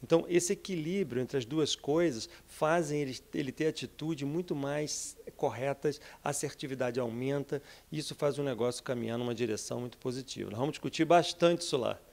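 A Brazilian entrepreneur in his fifties giving an energetic, persuasive interview in an office, speaking into a handheld mic. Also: medium pitch, fairly quick, gravelly, few pauses. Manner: energetic, persuasive, frequent tag questions. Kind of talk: interview answers. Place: office with bookshelves, indoors.

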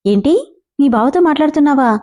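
A woman's voice: high voice, fast, mellow, voice pushed up, close to an everyday voice. Woman reading a sulky grumbling young woman.

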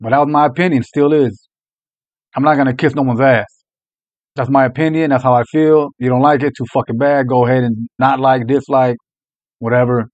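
A man's voice: mid-range voice, fairly even intonation, a little fast, darkish tone, no echo, lo-fi sound. A young man giving casual, blunt and profane reaction commentary as a video host. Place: small room indoors.

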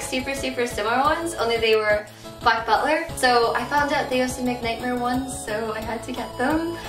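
Filmed from across a small, bare-walled bedroom on a camera mic, this casual haul video has a roomy echo and a voice set back from the mic. The young woman speaking sounds a bit ill and slightly deep, rambling cheerfully with lots of "like" and "really."

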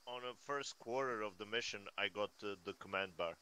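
A man's voice: fairly low pitch, brisk, pushed and bright, clean tone. A man making dry remarks and swearing a little while playing a co-op military game. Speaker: player. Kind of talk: casual game chat.

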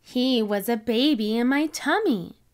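A woman voicing a gentle, patient mother pig who explains things in a storybook. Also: fairly high pitch, measured pace, natural voice. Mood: fond.

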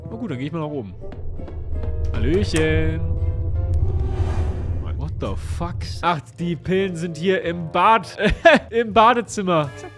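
A man's voice: a little high, lively intonation, a little slow, pauses often, fairly bright tone. Jumpy, jokey male gamer with game music. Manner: jumpy and jokey, yelping and exclaiming often. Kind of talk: let's play commentary.

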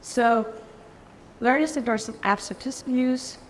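A woman's voice: fairly high pitch, slow, slight background noise. A woman from Germany presenting a research framework at a lectern in a large conference hall, careful and often restarting her phrases. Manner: careful, with frequent restarts and fillers. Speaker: keynote speaker. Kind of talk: conference keynote lecture. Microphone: lectern microphone. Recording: reverberant hall, faint ambience.

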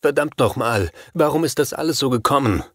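A man's voice: medium pitch, expressive, a little fast, dry recording, studio quality, natural voice. A man reading an audiobook, voicing a desperate, anxious father who fears for his son. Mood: worried. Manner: anxious, agitated. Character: worried middle-aged father, desperate, pleading.

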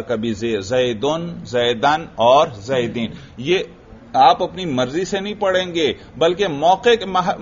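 A man's voice: on the high side, a bit bright. A male religious teacher giving a classroom lecture on grammar, drilling students by asking questions and answering them himself. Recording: muffled lo-fi recording with faint hiss.

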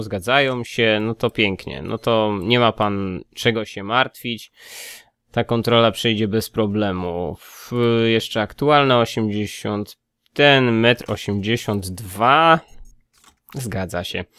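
A man's voice: fairly low pitch, slow, a bit bright, clean tone, no echo, clean studio sound. A man casually commenting on his gameplay, thinking aloud and muttering as he checks details. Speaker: let's play gamer.

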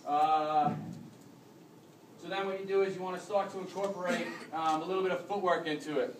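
A young American man with a high-sitting voice coaches rugby technique, speaking fairly quickly and with fairly even intonation as he explains and demonstrates moves in a clinic. He's in a large carpeted conference room with a crowd standing around, caught on a phone camera from across the room. The audio is distant and roomy with echo, plus a slight hiss or hum.

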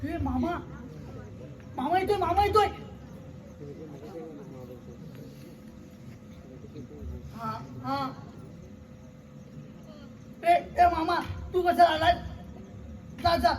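A man's voice: very high-pitched, takes it slowly, long pauses, a little hiss or hum. A male performer playing a small boy whose mother has died, in a solo stage monologue, calling out in short, repeated childlike phrases. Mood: stubborn. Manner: childlike, repetitive, calling out insistently. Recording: roomy hall with music behind.

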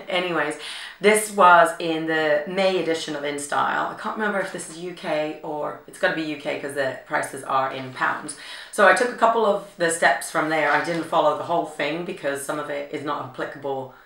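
A young woman vlogging in a chatty, excitable way, her voice hoarse and gravelly from a recent illness. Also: sits low, a little fast, distant mic. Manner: chatty and excitable, many fillers. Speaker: beauty vlogger. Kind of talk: casual vlog chat. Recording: echoey room, mic set back.

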